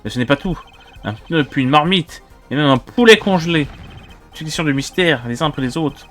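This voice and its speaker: A man's voice: a little high, expressive, a little fast, fairly bright tone, faint music behind, voice pushed up. A man voicing a flustered, nerdy male science student testifying in court, pleading his innocence. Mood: pompous. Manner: protests in a pleading voice.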